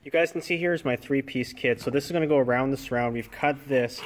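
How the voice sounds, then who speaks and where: A man's voice: mid-range voice, fast talker, slight background noise. A man hosting a car audio channel, explaining his work step by step while he works on a car in a garage. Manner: explanatory, hands-on, addresses viewers directly. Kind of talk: casual how-to explanation.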